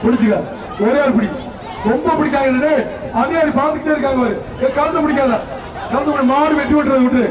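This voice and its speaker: A man with a Tamil Nadu accent giving excited, repetitive live commentary at a bull-taming event, shouting and urging people on over a loudspeaker. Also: extremely high pitch, quick pace. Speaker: jallikattu commentator. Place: outdoor bull-taming arena. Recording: distant echoey PA, noisy crowd. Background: crowd noise.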